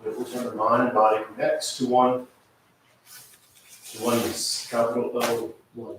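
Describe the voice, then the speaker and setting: Echoey, distant male yoga instructor. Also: mid-range voice. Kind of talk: guided yoga and meditation instruction. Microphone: distant microphone. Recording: echoey room, distant mic, faint noise.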